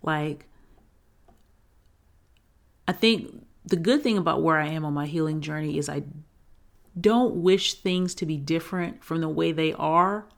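A woman's voice: deep voice, unhurried, creaky, pauses often. A woman in her forties hosting a podcast, talking candidly and emphatically about her own healing, swearing freely. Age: 40s. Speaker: podcast host and healing coach. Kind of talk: reflective solo podcast talk.

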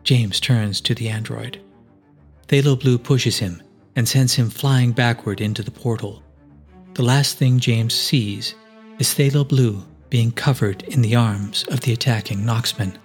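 A male narrator reads an adventure story in steady, dramatic scripted narration. His voice sits at a middle pitch, and a faint musical score plays quietly beneath him. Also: a little slow, faint music behind.

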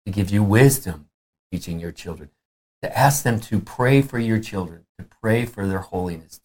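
A man in his fifties with a deep, low voice, giving a conference talk about family faith. He speaks earnestly and conversationally, urging his listeners on. The tone is warm and exhorting. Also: breathy edge.

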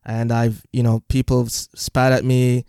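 Flat, calm man from Jamaica. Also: medium pitch, unhurried, vocal fry, smooth, dry recording, studio quality. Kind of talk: panel discussion.

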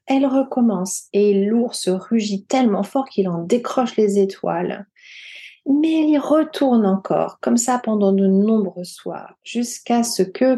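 A woman retells an old folk tale for a podcast, her voice mellow and warm at a middle pitch. She tells it gently and without hurry, with small pauses and hesitations here and there. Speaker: podcast storyteller.

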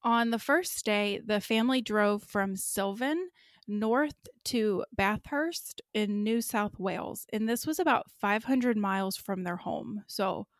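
A woman's voice: mid-range voice, slow pace, no echo, clean studio sound. A woman co-hosting a podcast, telling a weird story in a casual, chatty way with careful enunciation. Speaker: podcast co-host.

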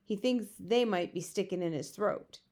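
Gentle male giant for a children's storybook, performed by a woman: resigned, muddled grammar, invented words. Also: mid-range voice, normal speed, close to an everyday voice. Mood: musing. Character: big friendly giant, male, gentle, gloomy, word-mangling. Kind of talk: children's storybook character reading.

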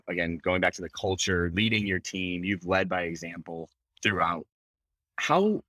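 A man's voice: low-pitched, fairly bright tone, no echo. A man hosting an interview, cheering his guest on with enthusiasm before asking questions. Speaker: podcast host.

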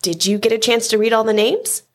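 A caring male schoolteacher from a picture book speaks calmly, with a concerned, gentle tone, as a woman reading aloud puts him on. His voice has a husky softness. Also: fairly high pitch, a little fast, natural voice. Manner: calm, concerned.

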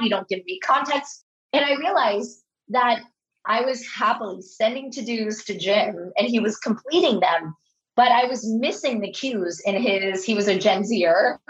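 A woman in her thirties who is an author speaks as an interview guest, telling anecdotes earnestly and conversationally, often restarting sentences and repeating words at the start. Her voice is medium-pitched and fairly bright, on slightly dull, lo-fi audio.

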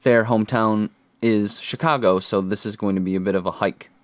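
A man's voice: on the low side, steady tone, brisk, no echo. A man co-hosting a podcast, talking in a laid-back, conversational way. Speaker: podcast co-host. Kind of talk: casual podcast chat.

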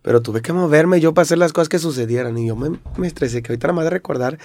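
Gravelly Mexican man telling a story. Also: on the high side, racing. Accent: Mexican Spanish. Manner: animated retelling with acted-out quotes. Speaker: podcast guest, rapper. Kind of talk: casual storytelling interview.

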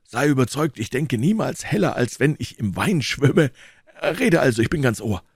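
A man playing a world-weary musketeer who drinks hard and speaks in grand theatrical turns from an audiobook. His voice swings widely up and down with a gravelly grain. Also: mid-range voice, very animated, moderate pace, no echo, studio quality. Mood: insistent. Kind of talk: audiobook character voice.

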